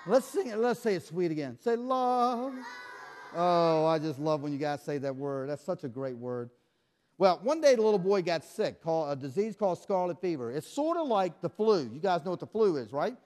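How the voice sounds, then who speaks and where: Very animated and fairly quick, this man's slightly high voice carries a darkish tone. He's doing a kids' magic show in a church hall with a live audience, playfully acting shocked and quizzing the children back and forth amid the hall's echo.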